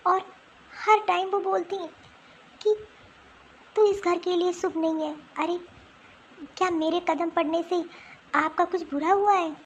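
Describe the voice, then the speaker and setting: Cartoon bride, a woman voicing her: tearful, pleading, very high, faint background hiss. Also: steady tone, unhurried, pauses often, highs cut off. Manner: pleading, self-pitying complaints. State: crying. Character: young pregnant daughter-in-law, wronged and tearful. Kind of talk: Hindi cartoon voice acting.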